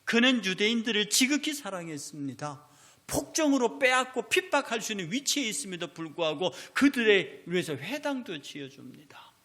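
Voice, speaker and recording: A man's voice: high-pitched, moderate pace. A man preaching a Sunday sermon as pastor, telling stories and acting out the dialogue. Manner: animated storytelling, acting out dialogue. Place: church sanctuary.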